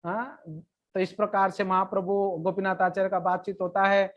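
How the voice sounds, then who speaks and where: A woman at a middle pitch tells a sacred story in an easy, conversational lecture, and now and then slows down to recite verse. The recording is slightly muffled and lo-fi. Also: level tone. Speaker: devotional scripture lecturer.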